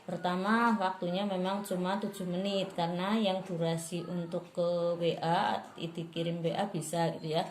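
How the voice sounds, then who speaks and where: A woman's voice: fairly low pitch, little pitch movement, normal speed, few pauses, reverberant, a little hiss or hum. A woman lecturer in rhetoric, giving a class on preparing sermons and modeling intonation aloud.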